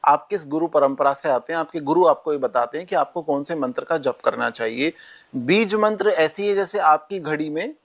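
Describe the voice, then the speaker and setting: Astrologer guy on a podcast, kinda high voice, explains remedies step by step like a teacher. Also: moderate pace. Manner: instructive, lists step-by-step remedies. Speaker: astrologer guest.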